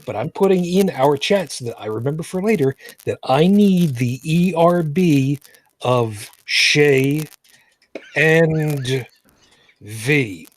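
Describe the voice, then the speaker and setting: This is the main host of a live vlogcast, a man chatting casually with his co-hosts and often being sarcastic. He rambles with plenty of fillers, repeating and restarting phrases, and his somewhat high, expressive voice moves slowly.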